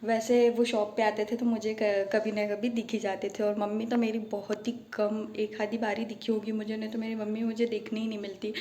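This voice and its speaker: A woman's voice: medium pitch, flat delivery, brisk, few pauses, dark tone, a little hiss or hum. A young woman vlogging casually from her phone, chatting on and on to her viewers and calling them guys. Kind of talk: casual vlog chat to viewers.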